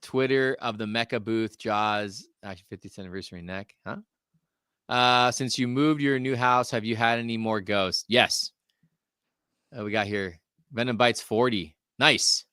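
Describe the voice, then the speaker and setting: A man's voice: medium pitch, fairly even intonation, normal speed, pushed and bright, clean tone, no room sound, studio quality. A man in his forties hosting a casual collectibles podcast live stream, joking around and reading viewer comments aloud. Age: 40s. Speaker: podcast host.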